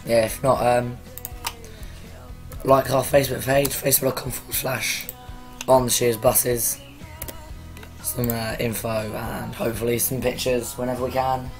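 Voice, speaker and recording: A man with a croaky voice casually talking to viewers on a live stream, rambling as he sets things up. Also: medium pitch, level tone, a little slow, long pauses, faint music behind. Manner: rambling, chatty, addressing viewers.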